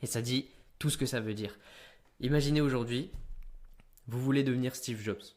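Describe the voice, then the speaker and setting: A teenage man giving business advice straight to camera in an energetic, punchy way. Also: medium pitch, normal speed. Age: teens.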